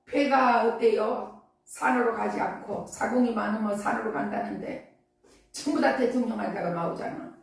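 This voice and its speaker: A woman's voice: on the high side, normal speed, gravelly, far from the mic. Middle aged lady pastor preaching hard, lots of hallelujahs, big echoey church hall. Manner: emphatic, repetitive, exclamations of hallelujah. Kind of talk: revival sermon.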